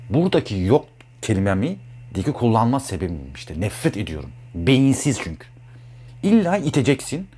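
A man's voice: mid-range voice, darkish tone. A man talking as an astrologer in a blunt, heated monologue, repeating himself a lot. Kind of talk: casual monologue.

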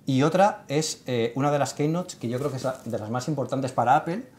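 An expressive man in his thirties on a studio panel, telling stories with emphasis. He stumbles and restarts often and fills pauses with "eh". His voice sits at a middle pitch. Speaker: tech site writer leading the segment. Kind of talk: casual panel discussion. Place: studio set with sofa.

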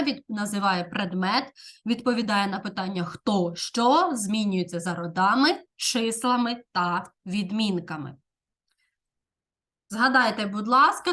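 Slow, clear-speaking woman teacher. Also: mid-range voice, a bit bright. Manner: slow, deliberate dictation with clear enunciation. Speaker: primary school teacher. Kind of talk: Ukrainian grammar lesson for fourth graders.

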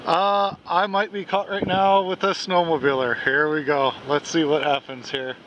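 A Canadian camping vlogger in his forties, with a slightly high, somewhat bright voice, chats casually to his camera at a normal pace with little pitch movement, chuckling often and rambling with plenty of fillers. He starts outdoors in the snow, filmed close up on a handheld camera, then moves into a small tent at night with the camera fixed a few feet away. The audio is dull, with slight background noise.

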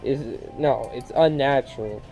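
A man's voice: medium pitch, a little slow, mellow. Chatty young man vlogging over music. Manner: upbeat, rambling, self-mocking. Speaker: vlogger host. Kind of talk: casual vlog chat. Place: car and apartment hallway. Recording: music playing behind.

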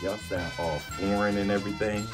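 A man's voice: lowish voice, steady tone, a little fast. A man hosting a cooking channel, casually calling out names in a playful, chatty vlog giveaway. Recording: music playing behind the voice.

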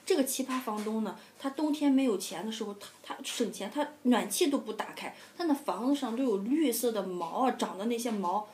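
A woman's voice: a little high, fairly quick, hardly any pauses, slight background noise. Indignant woman ranting in a vlog. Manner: indignant, animated complaining. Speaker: vlogger. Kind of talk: casual storytelling rant.

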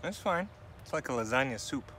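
This outdoor vlogger is a man in his forties with a medium-pitched, expressive voice that runs a little fast and has a sharp edge. Cooking outside in autumn woods, he talks casually, thinks aloud, and fills the gaps with fillers and jokes at his own expense. Background noise is plainly audible in this outdoor recording.

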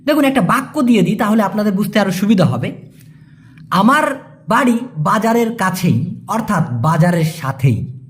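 A man from Bangladesh giving a casual spoken language lesson, repeating each word slowly for pronunciation and talking to viewers as brothers. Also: high voice, very animated. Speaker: language teacher.

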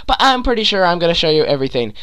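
A gaming YouTuber, a young man with a sore throat and a stuffy nose, rambles through a screen-recorded game tutorial, full of fillers and restarts. His voice sits on the high side, swings widely in pitch, and races along with a slightly bright, clean tone.

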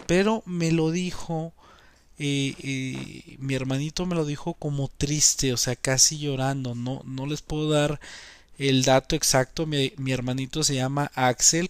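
A man's voice: a little high, no echo. Indignant young man. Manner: indignant, rambling with many filler words. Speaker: gaming youtuber. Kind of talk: casual vlog rant.

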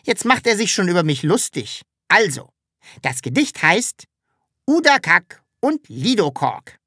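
A woman voicing a cheeky, stubborn, childlike magical creature in an audiobook, with a high, bright voice and an insistent, excitable way of talking. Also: a little slow, no room sound, clean studio sound, exaggerated voice. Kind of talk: audiobook character reading.

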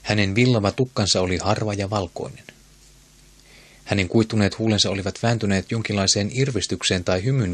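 A man narrating an audiobook in a steady, measured manner. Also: on the low side, no echo. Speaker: audiobook reader. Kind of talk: scripted narration.

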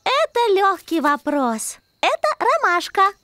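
A woman voicing a sweet little fairy princess girl with a drawn-out childlike delivery in a children's cartoon. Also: very high-pitched, sing-song, pushed and bright, full character voice. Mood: bored.

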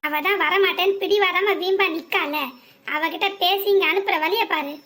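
Actor playing a squeaky cartoon bully, southern Tamil accent, mocking. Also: moderate pace, bright, forceful tone. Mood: sneering. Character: sly thuggish village man. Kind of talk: cartoon voice acting.

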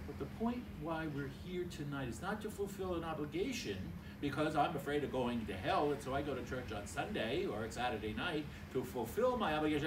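An older priest preaches a conversational homily at a lectern, acting out little dialogues in a large church hall. His voice is on the high side, and background noise comes through, as the stand mic is filmed from far away.

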